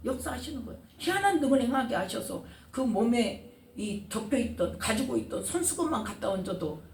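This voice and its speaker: A woman's voice: on the high side, fairly quick, creaky. A woman pastor preaching a sermon, engaging the congregation with frequent questions and answers. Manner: animated preaching with call-and-response questions. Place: church sanctuary. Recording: roomy echo, distant mic, faint room noise.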